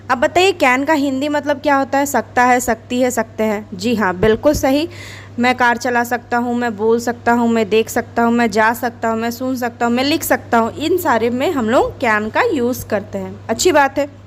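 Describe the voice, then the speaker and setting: A woman giving a chatty spoken English lesson to camera, explaining points with everyday examples. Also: high voice. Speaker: English teacher.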